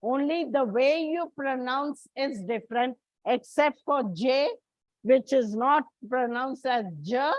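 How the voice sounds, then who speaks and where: A woman teaching pronunciation, slowly spelling out and repeating each sound for her students. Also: high voice, no room sound, dull audio. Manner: slow, deliberate, repeats sounds for learners. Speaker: English teacher. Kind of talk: classroom lecture on phonetics.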